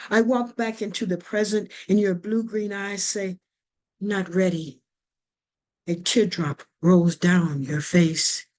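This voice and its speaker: A woman poet reciting her spoken word pieces slowly and deliberately over a video call. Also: lowish voice, darkish tone. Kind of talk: spoken word poetry reading.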